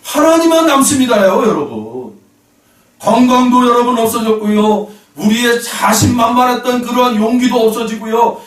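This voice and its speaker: A man's voice: extremely high pitch, moderate pace. A man preaching a sermon as pastor, speaking emphatically and calling out to the congregation again and again. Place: church sanctuary. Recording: roomy hall, voice from a distance.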